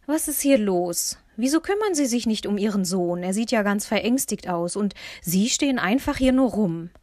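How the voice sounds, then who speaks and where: A woman voicing a puzzled father who has lost his memory, gentle then reproachful, in an audiobook recorded dry and close. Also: high voice, big pitch swings, unhurried, dry recording, pitched above the performer's own voice. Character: kindly but memory-lost father, middle-aged man. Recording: dry close-miked studio.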